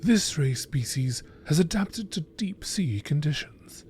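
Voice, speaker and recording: A man narrates game lore entries in the manner of a nature documentary, reading from a script. His voice is fairly high and animated, with a slightly slow delivery and a somewhat dark tone. Noticeable background noise runs through the recording.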